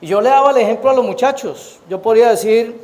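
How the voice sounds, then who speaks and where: A man's voice: very high voice, fast talker, darkish tone. A Colombian man preaching a sermon as pastor, often asking the congregation questions and waiting for their answers. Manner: asks the congregation rhetorical questions. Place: church. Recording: echoey church hall.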